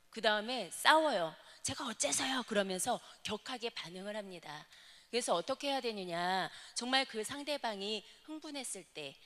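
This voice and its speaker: A woman's voice: medium pitch, fairly bright tone. A woman deacon giving an explanatory talk to a church audience, asking them questions as she goes. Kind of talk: lecture to a congregation. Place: church worship hall. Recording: long hall reverb.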